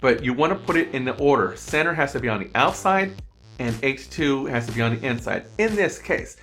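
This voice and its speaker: Male tutorial presenter, mid-pitched, step-by-step repetitive explainer on a desk mic, faint music bed. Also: lively intonation, a little fast, fairly bright tone. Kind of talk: screen-recorded tutorial walkthrough. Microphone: USB desk microphone.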